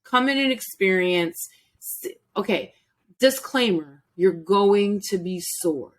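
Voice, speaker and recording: A woman's voice: mid-range voice, lively intonation, slow pace. A middle-aged woman hosting a casual interview, chatty, repeating phrases and laughing easily. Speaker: host.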